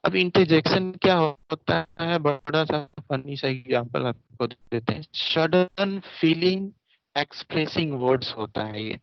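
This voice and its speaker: A male teacher giving an online grammar class, repeating and drilling terms and asking quick questions. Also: a little high, expressive, creaky, no room sound. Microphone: computer mic, online class. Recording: dry, dull lo-fi online audio.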